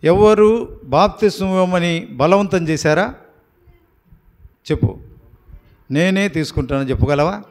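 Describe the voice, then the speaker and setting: A pastor from Andhra Pradesh in a prayer house, firmly and coaxingly questioning baptism candidates one by one. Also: male voice, high voice, measured pace, long pauses.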